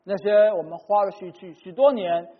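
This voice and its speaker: Pastor preaching in a reverberant hall. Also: male voice, high-pitched, husky. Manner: preaches in short phrases, pausing for the interpreter. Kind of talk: sermon with live interpretation. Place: church hall. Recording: dull recording in a reverberant hall.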